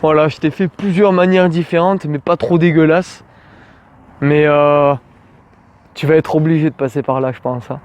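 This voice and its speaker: A man from France teaches a pulling exercise in relaxed, informal speech, throwing in little jokes. His voice sits a bit high. Faint city traffic hums in the background. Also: moderate pace. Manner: informal, addresses viewer as tu, jokey asides. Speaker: calisthenics coach. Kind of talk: casual outdoor workout tutorial.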